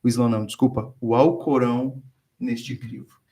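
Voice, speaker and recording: A man from Brazil speaks in a relaxed, conversational teaching style. He tells anecdotes and acts out the voices of the people in them. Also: medium pitch, normal speed. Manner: storytelling, acts out quoted dialogue. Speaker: guest speaker on theology.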